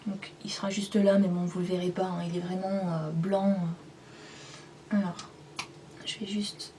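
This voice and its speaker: Chatty woman, mellow voice, off-mic. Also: fairly low pitch, little pitch movement, unhurried, a little hiss or hum. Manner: chatty, rambling, self-deprecating. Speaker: beauty vlogger. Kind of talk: casual makeup review and swatching. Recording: voice a bit far from the mic.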